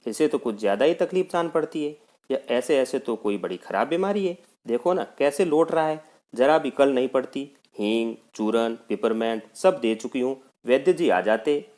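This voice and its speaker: A man's voice: mid-range voice, lively intonation, normal speed, a little mellow, close to an everyday voice. A male teacher voicing a worried mother who coaxes and fusses over her sick young son as he reads a play aloud. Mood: anxious. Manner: coaxing, anxious and tender.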